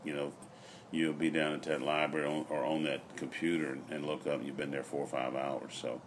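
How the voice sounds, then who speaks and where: Very deep-voiced man, rambling. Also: level tone. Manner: unhurried, rambling, pausing often. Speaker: vlogger. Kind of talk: casual, reflective chat. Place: outdoor garden patio. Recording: noisy outdoor ambient recording.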